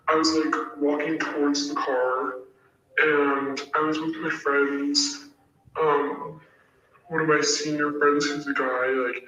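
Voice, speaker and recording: An anonymous woman whose voice has been altered to sound deeper, giving a hesitant recorded statement full of "um" and "like". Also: sharp tone. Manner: hesitant, many ums and likes. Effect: voice altered to sound deeper and masculine. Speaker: anonymous witness. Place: at a golf tournament. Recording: echoey, distant, muffled audio with faint music.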